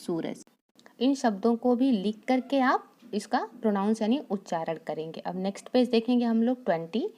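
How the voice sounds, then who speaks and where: A woman teaching a primary school class, speaking slowly and patiently and repeating key lines for young children. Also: fairly high pitch, darkish tone. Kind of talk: online class lesson.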